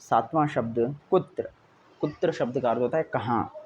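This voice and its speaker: A man teaching Sanskrit grammar to schoolchildren, reading each example sentence slowly and then giving its meaning. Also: medium pitch, a little mellow. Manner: repeats each example with a Hindi gloss. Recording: dull lo-fi recording with faint hiss.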